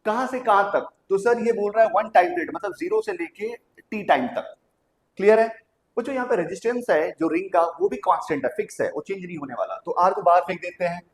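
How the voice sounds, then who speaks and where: A man teaching physics, working through exam problems step by step and checking in with the class. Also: high-pitched. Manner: talks the class through steps with quick checks like "clear?". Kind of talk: exam problem-solving lesson. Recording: echoey room with faint noise.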